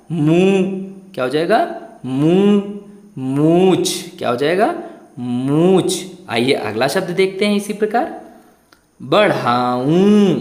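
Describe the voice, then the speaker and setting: A man's voice: on the high side, reverberant. A man teaching a Hindi lesson to young children, asking questions and repeating each answer while stretching the words out.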